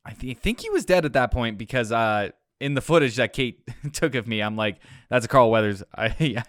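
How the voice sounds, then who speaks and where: Smooth-voiced man telling a wrestling story. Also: mid-range voice, moderate pace, no echo, studio quality. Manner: animated storytelling with quoted asides. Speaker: podcast co-host. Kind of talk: casual chat.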